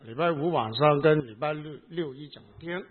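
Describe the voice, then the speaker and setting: Preaching with a Hong Kong accent, this pastor speaks in brief phrases and leaves gaps for his interpreter. The recording sounds thin, like a phone, and his voice is fairly high and husky.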